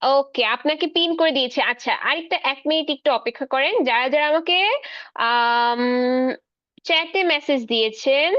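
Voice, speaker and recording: A woman teaching a spoken English class to children over a video call, patient and coaxing, mixing Bengali with slow, careful English. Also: sits high, fairly bright tone, no echo, lo-fi sound.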